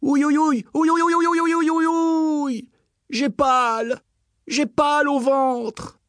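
A man's voice: high voice, big pitch swings, a little slow, darkish tone, no room sound, studio quality, pitched above the performer's own voice, exaggerated voice. A man voicing a hot-tempered prince who mangles his words, exclaiming in a raised voice. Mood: moaning, cross. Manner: wordplay-laden, exclaiming.

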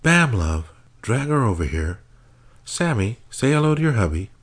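A man's voice: medium pitch, sing-song, moderate pace, slightly rough, voice pushed up. A man voicing a taunting female kidnapper with a Brooklyn accent, speaking with cold contempt.

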